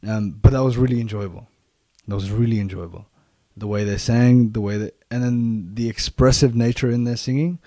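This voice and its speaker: A man's voice: medium pitch, fairly even intonation, moderate pace, hardly any pauses, dark tone, no room sound. A man talking casually and reflectively, repeating his phrases for emphasis.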